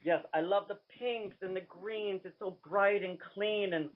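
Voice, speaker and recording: A man's voice: sits high, measured pace, a loud crowd. A man hosting a radio interview over the phone, gushing, flamboyant and enthusiastic. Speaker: radio host and drag queen. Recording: tinny phone line.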